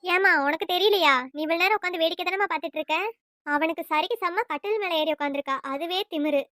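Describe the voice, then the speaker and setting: A woman doing a shrill nagging mother-in-law. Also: fast, bright, forceful tone, dry recording, studio quality. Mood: scolding. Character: scolding sharp-tongued old mother-in-law. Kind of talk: cartoon voice acting.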